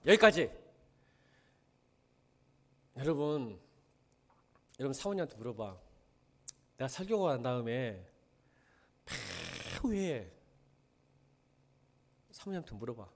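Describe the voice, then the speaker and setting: Middle-aged pastor guy preaching, pitch jumps all over, scolds the church, asks them stuff straight out. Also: very animated, slow pace, pauses often. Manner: blunt, scolding preacher who swings from quiet to shouting; talks directly to the congregation with rhetorical questions. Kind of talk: sermon.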